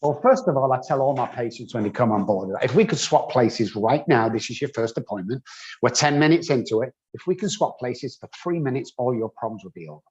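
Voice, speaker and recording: A man working in addiction recovery, answering an interview with animated anecdotes and acted-out dialogue. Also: medium pitch, a little fast, highs cut off.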